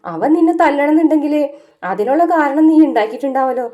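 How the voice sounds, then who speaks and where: A woman's voice: sits high, animated, fast talker, warm tone, dull audio, pitched above the performer's own voice. A woman voicing a stern elderly grandmother who questions her daughter sharply. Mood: stern questioning.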